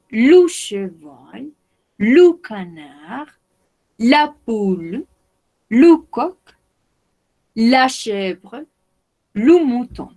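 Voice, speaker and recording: Slow, deliberate woman teaching French. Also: on the high side, darkish tone. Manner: slow, deliberate, repeats each word. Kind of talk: slow vocabulary lesson for Spanish speakers.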